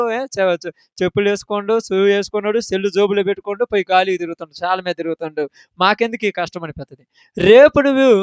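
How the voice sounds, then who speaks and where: A man's voice: high voice, smooth, dry recording, lo-fi sound. A man preaching a children's sermon, emphatically asking the children question after question.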